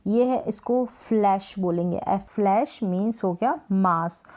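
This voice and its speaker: A woman with a mellow, warm voice teaches English pronunciation. She sounds out each word slowly, repeats it and gives its meaning, in a patient and repetitive classroom manner. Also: medium pitch. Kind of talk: explaining pronunciation rules.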